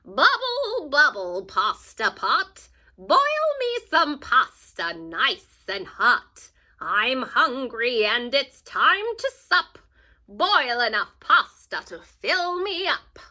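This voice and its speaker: Lady doing old grandma witch from a kids book, bossy, slow n deliberate, big swooping pitch. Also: sing-song, bright, forceful tone, heavily acted. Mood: singsong chanting. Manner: commanding, deliberate, singsong when chanting spells. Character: kindly but firm old Italian grandma witch.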